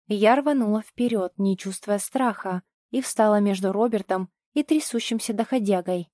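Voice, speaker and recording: A woman's voice: mid-range voice, normal speed, dark tone, no echo, clean studio sound. A woman reading a first-person audiobook with tense, emotional storytelling. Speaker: audiobook narrator.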